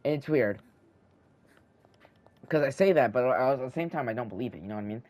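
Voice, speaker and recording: Playing a video game at home, a teenage boy who hosts a gaming channel rambles and thinks aloud into a handheld mic, frequently starting over, and has a slight lisp. He sounds animated and brisk, medium in pitch with a darkish tone, and the recording is dry.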